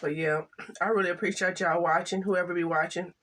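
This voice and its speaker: Older woman, casual eating vlog, halting, soft-spoken, faint background noise. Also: fairly low pitch, steady tone. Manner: halting, soft-spoken, speaks of camera shyness. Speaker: mukbang vlogger. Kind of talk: casual eating chat to camera.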